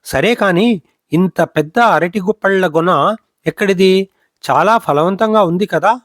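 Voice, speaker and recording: A man's voice: high voice, measured pace, dry recording, studio quality, pitched above the performer's own voice. A man voicing a jovial elderly sage. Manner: laughing, commanding. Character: revered elderly male sage, jovial and knowing.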